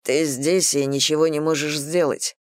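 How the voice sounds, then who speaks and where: Skeptical storybook woman, read by a woman, low and dry. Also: steady tone, normal speed, dry recording, lightly acted. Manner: doubting, skeptical. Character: distrustful woman.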